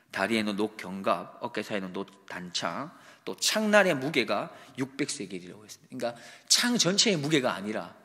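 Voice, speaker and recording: A male pastor delivers a morning devotional sermon at a middle pitch. He explains at a steady pace and poses rhetorical questions to his listeners, and his voice carries the long reverb of a large hall.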